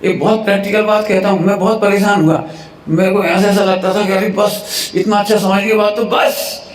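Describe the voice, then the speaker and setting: A man giving a devotional sermon as a preacher, telling lively everyday stories, acting out little household quarrels and chuckling at his own examples. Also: high-pitched, normal speed. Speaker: Jain preacher. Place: temple hall. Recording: echoey temple hall with faint ambience.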